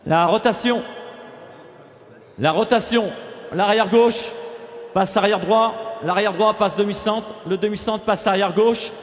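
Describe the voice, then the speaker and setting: A man's voice: sits high, a little slow, long pauses. A man coaching handball, calling out urgent, repeated drill commands and tactical instructions. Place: indoor sports hall. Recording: echoey sports hall, faint noise.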